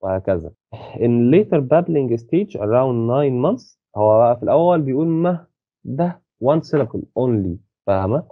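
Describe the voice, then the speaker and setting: A man with an Egyptian Arabic accent explains course material to a single student. He reads slowly, then speeds up to explain, often stalling on a word before going on. The sound is thin and phone-like, with no room echo at all. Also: medium pitch, very animated. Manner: many hesitant restarts, checks understanding. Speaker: university lecturer. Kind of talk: lecture explaining a textbook, mixing Arabic and English. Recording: dry, phone-like audio.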